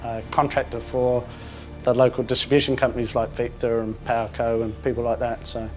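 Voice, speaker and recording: A man born in England talking casually about himself as an amateur boxer, hesitant, with many pauses and fillers. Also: mid-range voice, little pitch movement, darkish tone. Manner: hesitant, many ums and uhs. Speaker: amateur boxer in a charity fight. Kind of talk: casual interview talk. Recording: music playing underneath.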